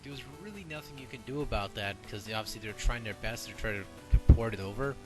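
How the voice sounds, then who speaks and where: A man hosting a relaxed podcast, talking in a blunt, opinionated way and cursing without a second thought. His voice sits at an ordinary middle pitch, and music plays clearly in the background. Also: fast, poor audio. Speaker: podcast host. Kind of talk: casual podcast chat.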